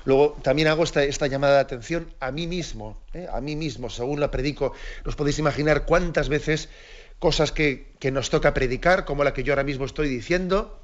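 A man's voice: fairly high pitch, brisk. A priest preaching an earnest sermon to fellow priests, repeating his key phrases and asking rhetorical questions. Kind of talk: reflective sermon to clergy. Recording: dull lo-fi sound.

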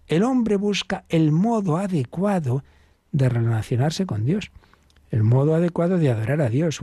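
Man teaching catechism, dark voice. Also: mid-range voice, breathy edge, no echo, studio quality. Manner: explanatory, many restarts and rhetorical questions. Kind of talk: catechism commentary lesson.

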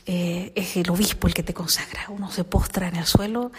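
A middle-aged woman and consecrated singer, telling her life story in an interview with lively storytelling and soft whispered asides. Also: on the low side, a little fast, slightly rough, big-room sound.

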